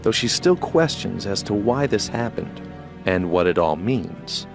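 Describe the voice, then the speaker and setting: Low-voiced male documentary narrator. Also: expressive, a little slow, vocal fry, music in the background.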